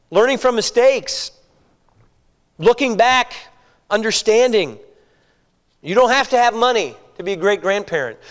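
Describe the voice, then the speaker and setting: A high-pitched man in his fifties, a pastor from the United States, preaches a conversational sermon in a fairly bright tone with a big-room sound. Rhetorical questions and regular checks such as "all right?" run throughout.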